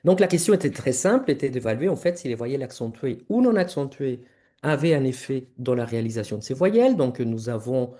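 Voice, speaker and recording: A man presents research at an academic conference and explains each slide step by step for the audience. His voice is mellow and warm, with an ordinary middle pitch. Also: animated, brisk.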